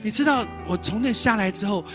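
A man preaching a sermon as a lively storyteller who repeats words and acts out dialogue. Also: high voice, fairly quick, over music. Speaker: pastor.

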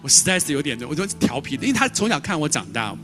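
A man preaching a sermon as a lively storyteller who repeats words and acts out dialogue. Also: a little high, fast, music in the background. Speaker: pastor.

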